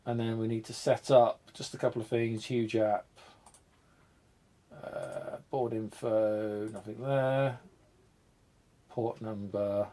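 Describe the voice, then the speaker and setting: During a casual live stream, a retro computer channel host who's still a bit congested and coughing from a cold tinkers and rambles aloud, mocking his own disorganisation. He talks slowly in a lowish voice with fairly even intonation and long pauses, and now and then drifts back from the mic.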